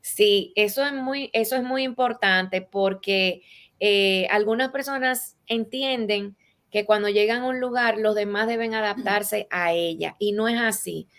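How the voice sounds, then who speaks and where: A woman with a Latin American Spanish accent speaks in a mid-range, fairly bright voice, a little on the slow side. She's an expert guest in an interview, teaching rules didactically through practical examples.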